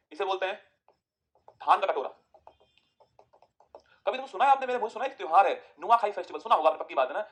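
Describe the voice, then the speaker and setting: A man teaching an exam-prep geography lesson, firing quick questions at students and answering them himself. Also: sits high, fairly bright tone.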